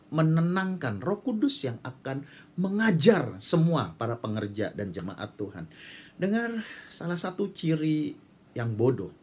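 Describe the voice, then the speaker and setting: A man's voice: medium pitch, husky. A male pastor preaching with fervent exhortation and bursts of prayer in tongues. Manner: animated, exhorting, breaks into speaking in tongues.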